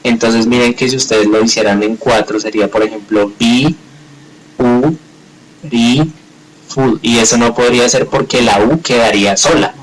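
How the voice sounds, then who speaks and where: A man's voice: fairly low pitch, fairly even intonation, a little fast, hardly any pauses, slight background noise, low-quality recording. A man teaching a live grammar class, explaining step by step in a patient way and checking often that students follow. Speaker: English teacher.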